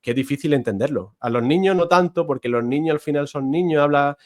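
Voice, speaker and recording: A man's voice: on the high side, brisk, a little mellow. A man from Spain, a bilingual teacher, hosting a casual interview chat in long, winding sentences. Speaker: host, teacher.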